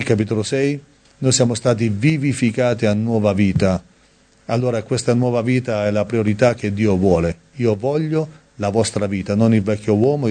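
A man with a darkish tone preaches a sermon conversationally, reading scripture aloud and hitting key words with sudden high emphasis.

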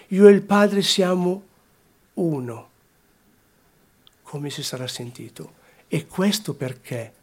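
A man preaching a sermon, slowly and deliberately, repeating phrases and swinging between hushed and raised delivery. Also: fairly high pitch.

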